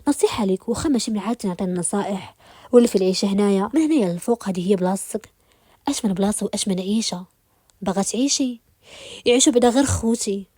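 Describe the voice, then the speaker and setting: A woman voicing a cold, menacing male agent who holds a captive, speaking in a flat, icy way. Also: medium pitch, very fast, no echo, studio quality, close to an everyday voice.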